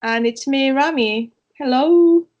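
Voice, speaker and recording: A South Korean woman co-hosts a casual podcast, chatting and telling stories while laughing often. Her voice is high-pitched, slow and a little mellow, and the lo-fi recording sounds slightly dull.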